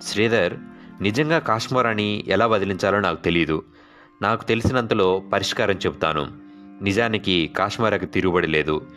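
A man's voice: fairly low pitch, normal speed, fairly bright tone, soft background music, lightly acted. Man doing a teasing wandering fakir. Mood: solemn. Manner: laughing, teasing, then solemn. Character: wandering male fakir, mocking then grave.

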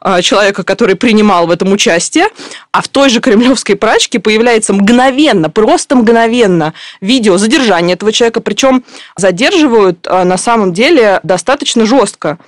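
A woman's voice: medium pitch, expressive, a little fast, dry recording, clean studio sound. A woman reporter explaining events in a news discussion at length, with many fillers and restarts.

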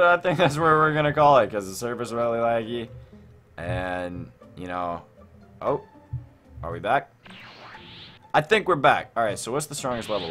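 A young man with a medium-pitched, slightly bright voice hosts a gaming video, giving casual gameplay commentary while rambling and thinking aloud. Music plays in the background.

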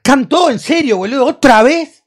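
A man in his thirties speaks with a Rioplatense Argentine accent. He rants in a streetwise, swearing way, and his pitch swings widely from low to high as he talks. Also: normal speed. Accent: Rioplatense Spanish. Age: 30s. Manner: animated, swearing, streetwise rant with acted quotes. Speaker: interview guest, freestyle rapper. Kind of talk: heated casual interview talk.

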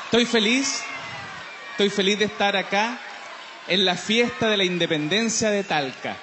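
A Chilean man doing stand-up on an outdoor festival stage, his voice pitched very high. He talks in slangy, mocking bursts and drops into silly impressions. Faint noise sits under the live sound. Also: normal speed, crowd noise. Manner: slangy, mocking, jumps into mimicry and scat singing. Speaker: stand-up comedian.

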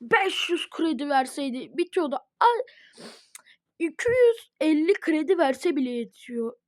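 A woman at home chatting casually to her viewers while playing a game, chatty and prone to excited, dramatic outbursts. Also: high-pitched, unhurried, dry recording. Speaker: gaming video host. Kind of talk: casual gameplay commentary.

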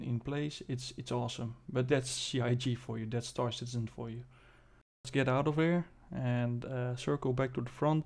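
A man giving casual commentary as host of a game showcase, halting and thinking aloud as he demonstrates. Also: mid-range voice, darkish tone. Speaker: video host presenting a game spaceship.

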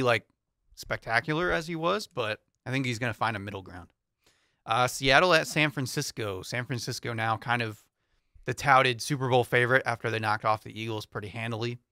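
Bright-voiced young man co-hosting sports talk. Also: medium pitch, fairly quick, no echo, studio quality. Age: young adult. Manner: easygoing, reads out matchups with light laughs. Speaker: co-host. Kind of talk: casual sports podcast chat. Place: small podcast studio with foam panels. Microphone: studio mic on boom arm, headphones.

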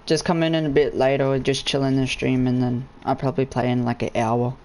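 A man's voice: medium pitch, flat delivery, fairly quick, darkish tone, slight background noise. A young man chatting casually on a gaming live stream in a slangy, laid-back, matey, sweary way.

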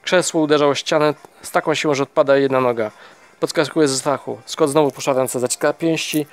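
A man reading a novel aloud in the first person, steady but with small slips and restarts. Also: medium pitch, fairly quick, faint music behind. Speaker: audiobook narrator.

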